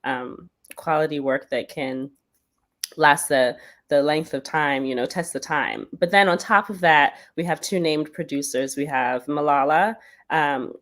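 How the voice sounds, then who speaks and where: A Bermudian Broadway performer who lives in New York chats casually as an interview guest, speaking with a Bermudian accent. Her voice is low-pitched and her pace measured, though she's animated and often searches for words with fillers.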